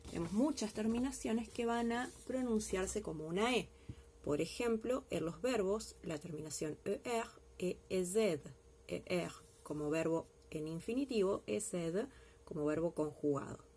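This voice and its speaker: A woman's voice: medium pitch, measured pace, dark tone, slight background noise. A woman teacher giving a recorded language lesson, explaining patiently step by step and often checking in with her class. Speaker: French teacher.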